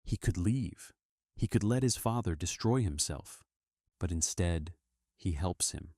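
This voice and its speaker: Male narrator with a very low voice and a dry, close sound, reading a dramatic movie recap. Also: a little slow, no room sound. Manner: steady dramatic storytelling. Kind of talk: scripted narration.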